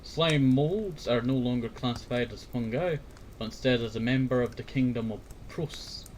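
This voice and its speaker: A medium-pitched, slightly mellow man talks at a moderate pace in a rough recording with slight background noise. As host of a fireside talk series, he rambles casually, repeats words and tag phrases, and sometimes reads passages aloud.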